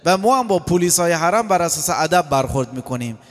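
A man giving a lively religious lecture, quoting scripture and acting out short dialogues. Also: on the high side. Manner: animated, acts out voices and quotes scripture. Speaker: cleric. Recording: long hall reverb.

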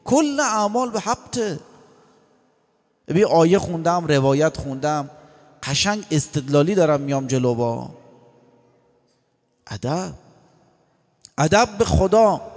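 A man giving a lively religious lecture, quoting scripture and acting out short dialogues. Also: high voice. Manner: animated, acts out voices and quotes scripture. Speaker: cleric. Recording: long hall reverb.

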